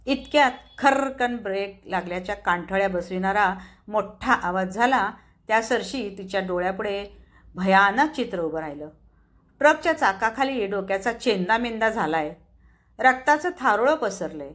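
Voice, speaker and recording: A woman narrating an audiobook story in a measured, dramatic storytelling manner. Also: mid-range voice, animated, fairly bright tone.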